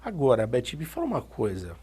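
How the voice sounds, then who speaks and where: A man's voice: medium pitch, wildly swooping pitch, brisk, dark tone, husky. A man with a Brazilian Portuguese accent hosting a TV program, asking long, winding interview questions full of restarts.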